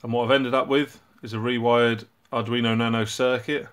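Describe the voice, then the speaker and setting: A man hosting his own hobby channel, casually walking through a project and explaining it in a relaxed way with frequent ums and uhs. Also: medium pitch, moderate pace, over loud music. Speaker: robotics hobbyist channel host.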